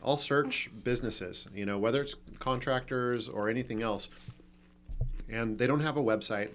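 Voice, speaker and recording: A man hosting a casual podcast interview, relaxed, with frequent short agreeing replies. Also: medium pitch, moderate pace. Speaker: podcast host.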